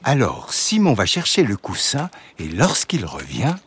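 A woman narrating a children's storybook with slow, expressive delivery. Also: a bass voice, soft background music.

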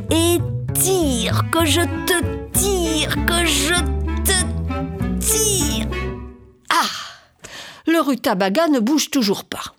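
A woman telling a children's story aloud, expressive and sing-song, with playful repetition. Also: high voice. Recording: background music.

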